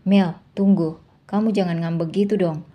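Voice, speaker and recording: A woman reading aloud plays a married man who coaxes and sweet-talks the woman across the table. His voice sits low and flat, with a gravelly, husky edge. It is a storybook narration told to listeners. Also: normal speed, lightly acted. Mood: coaxing. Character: married man, mid-aged, flirting with another woman.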